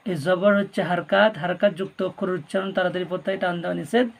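A man teaching Quran reading, spelling out syllables slowly and repeating each word, then explaining the rules more quickly. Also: sits high, little pitch movement, creaky. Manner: explains rules quickly and softly between drills. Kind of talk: slow drilled recitation lesson, spelling out syllables.

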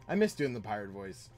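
Chatty male streamer playing and reading chat, faint music behind. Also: medium pitch. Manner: rambling, chatting with viewers while playing. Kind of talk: casual gameplay chat.

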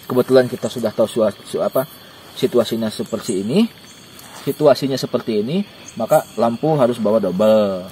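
A young man giving joking, animated camping tips outdoors in a dark forest at night, recorded by a camera a few steps away. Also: medium pitch, a little fast, a little hiss or hum. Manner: joking, animated, gestures while talking. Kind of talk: casual outdoor interview. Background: faint insects and crickets.

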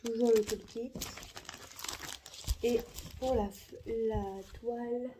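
A woman giving casual unboxing commentary in a halting, soft-spoken way, with many fillers and repeated words. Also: a little high, steady tone, slight background noise. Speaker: vlogger.

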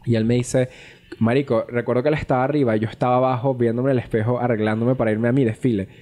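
A young man, co-hosting a podcast and telling a personal story in a casual, animated, swear-filled way. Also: mid-range voice, fast. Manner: animated, profane, acts out quoted dialogue. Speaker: podcast co-host.

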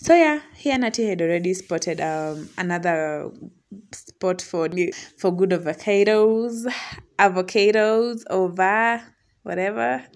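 Young woman, Kenyan accent, chatty vlog voice-over, laughs often, mid pitch. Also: a little slow. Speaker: vlogger. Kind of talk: casual vlog voice-over mixing English and Swahili slang.

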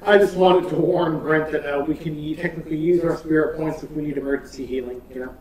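A man's voice: a little high, fairly even intonation, quick pace, a little mellow, recorded from a distance. A man co-hosting a let's-play, chatting and joking while explaining game mechanics. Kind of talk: casual gaming commentary. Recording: echoey room, off-mic, faint hiss.

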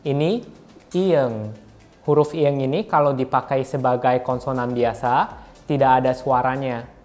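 A man's voice: mid-range voice, steady tone, measured pace, a little mellow. Male online language tutor, playful, drills sounds by repetition, faint music bed. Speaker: Korean language teacher. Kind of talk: video language lesson.

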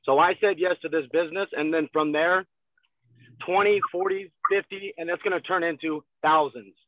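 A man in his twenties giving an energetic motivational sales talk from a car, heard over a video call. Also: a little high, normal speed, dry recording. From Texas. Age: 20s. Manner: energetic, gestures a lot, repeats phrases. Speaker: guest salesman. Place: in a parked car. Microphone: phone on a video call. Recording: thin phone-like video call audio.

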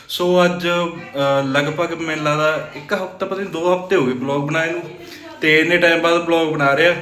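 A man's voice: on the high side, fairly bright tone. A young man chatting casually and playfully as a vlogger, full of slangy exclamations. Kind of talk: casual vlog chat. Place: outdoors on streets and at a scooter workshop. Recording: noisy outdoor vlog with traffic.

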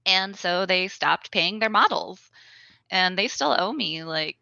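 A woman with a fairly low, forceful bright voice and plenty of vocal fry chats casually as a guest. Her talk is informal and full of likes, on a dry but slightly lo-fi recording. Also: expressive, a little slow, no room sound. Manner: informal, peppered with like. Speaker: podcast guest. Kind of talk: casual chat. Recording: dull, lo-fi close recording.

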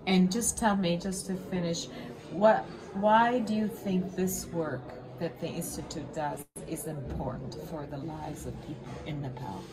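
A woman's voice: on the low side, steady tone, a little slow. Older woman interviewer, noisy outdoors. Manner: brief encouraging prompts. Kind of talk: interview questions.

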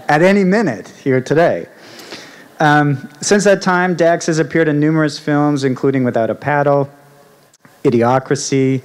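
Department chair making a halting introduction. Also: male voice, medium pitch. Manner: halting, with fillers and restarts, reading a list. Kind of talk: formal introduction speech. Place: outdoor university ceremony stage. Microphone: podium mic on stand.

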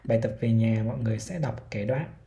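A man with a Vietnamese accent giving a casual pronunciation lesson, slowly demonstrating sounds and repeating example words. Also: on the low side, creaky, warm tone, dull audio, a little hiss or hum. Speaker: English pronunciation teacher.

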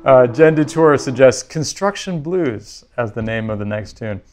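A man hosting a music livestream from his home studio in a relaxed chat, reading viewer comments aloud on a talk mic. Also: mid-range voice, normal speed. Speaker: livestream host and pianist. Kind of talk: casual chat.

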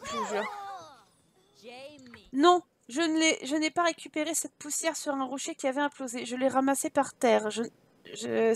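A woman's voice: sits high, slight background noise. A woman doing casual let's-play commentary, exasperated, swearing and laughing at the game. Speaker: gaming streamer.

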